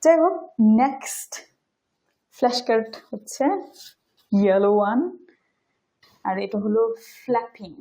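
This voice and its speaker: Woman teaching English pronunciation, mellow voice. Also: fairly high pitch, expressive, poor audio. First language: Bengali. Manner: explains step by step, demonstrates English words slowly. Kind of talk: explanatory video lesson.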